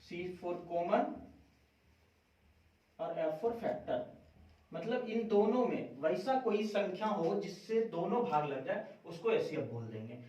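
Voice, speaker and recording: A man's voice: sits high, darkish tone. A man teaching a math lesson in a classroom, often asking a question and then answering it himself. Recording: very echoey room, distant mic, dull sound.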